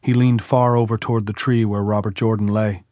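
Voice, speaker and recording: A man narrating an audiobook in a measured, even way. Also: on the low side, no room sound, clean studio sound. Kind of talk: scripted narration.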